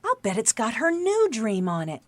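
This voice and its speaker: In a radio drama, an actress plays a young, excitable office worker who is chatty, gushing and earnest. Her young adult female voice is on the high side at normal speed, with no echo.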